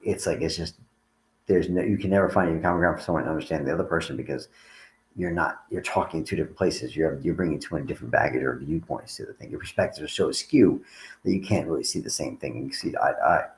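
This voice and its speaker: A man's voice: rumbling low, fast talker, roomy sound, slight background noise, rough recording. A tired man talking casually to livestream viewers as a coach, rambling and restarting his sentences. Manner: rambling, conversational, frequent restarts. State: tired, yawning.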